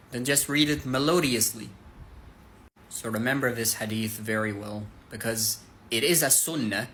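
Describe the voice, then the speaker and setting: A man gives a casual religious lesson in an earnest, direct way, talking to his listeners like friends. His voice is bright and forceful. Faint background noise sits under the speech. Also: mid-range voice. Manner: breaks into melodic Quran recitation to demonstrate. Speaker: Islamic teacher. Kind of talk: casual religious teaching to camera.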